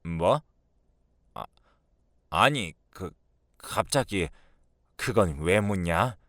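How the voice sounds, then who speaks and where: A man doing a scheming older mother-in-law, hot-tempered, snappish, defensive, low and lively voice, radio drama. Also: drawn-out words, no echo, clean studio sound, exaggerated voice.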